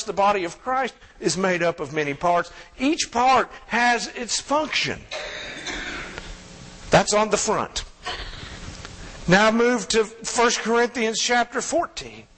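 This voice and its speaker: A man with a high, light voice preaches to his congregation, easygoing and joking as he talks with the pews. His voice rings with a long church reverb. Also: lively intonation, unhurried, a bit bright, slight background noise. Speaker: pastor. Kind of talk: sermon. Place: church sanctuary.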